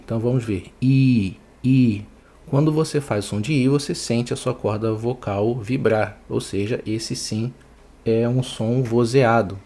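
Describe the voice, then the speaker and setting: A man with a Brazilian Portuguese accent teaching English pronunciation, patiently repeating words slowly to show each sound. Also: medium pitch, dark tone. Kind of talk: online English pronunciation lesson.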